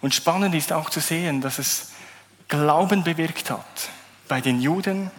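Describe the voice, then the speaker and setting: A man's voice: a little high, a little slow, big-room sound. A man giving a sermon. He reads Bible verses aloud and talks about them in a conversational way, with a few slips and restarts. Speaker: preacher.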